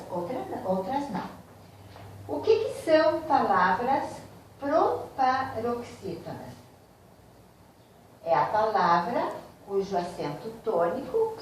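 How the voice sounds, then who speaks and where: Slow-talking teacher woman in echoey room. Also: a little high, recorded from a distance, slight background noise. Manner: slow, explanatory, addresses students directly. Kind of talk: video lesson on grammar.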